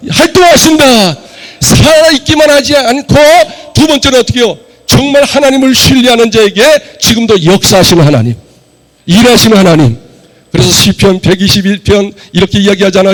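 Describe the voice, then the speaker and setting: A male pastor delivering a sermon in church, hoarse from a cold, rising to forceful shouted points and leading the congregation in reading aloud. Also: high voice. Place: church sanctuary.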